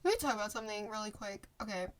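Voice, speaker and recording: A woman's voice: medium pitch, racing, a little hiss or hum. A woman in her twenties chatting casually to the camera in a rambling vlog, full of fillers and restarts. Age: 20s. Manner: rambling, filler-heavy, self-interrupting. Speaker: vlogger. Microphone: phone camera.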